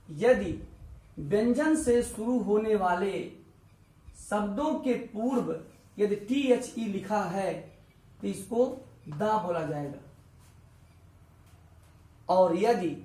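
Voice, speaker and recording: A male teacher gives a classroom lesson at a very slow, deliberate pace. He repeats each point and keeps checking whether it is clear. His voice sounds distant, in an echoey room. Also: high voice, darkish tone. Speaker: English teacher.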